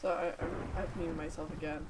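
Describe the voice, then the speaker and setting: Over a very noisy recording, a gamer chats casually while playing, rambling to themselves and tossing quick asides to others on a call. The voice is medium in pitch with a flat delivery.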